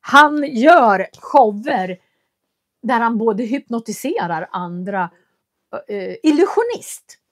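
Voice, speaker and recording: A woman's voice: fairly high pitch, very animated, no echo. Chatty woman, dry close sound. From Köping, Västmanland, Sweden. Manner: chatty and friendly, with frequent hesitation fillers. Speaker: language teacher and livestream host. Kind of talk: casual livestream chat, reading viewer comments.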